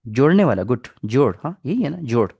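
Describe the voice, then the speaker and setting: A man's voice: mid-range voice, sing-song, fairly quick, gravelly, darkish tone, husky, dull audio. Pakistani man teaching an English class. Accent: Pakistani Urdu. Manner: explains patiently, asks the class questions and mixes in English terms. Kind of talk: online class lecture.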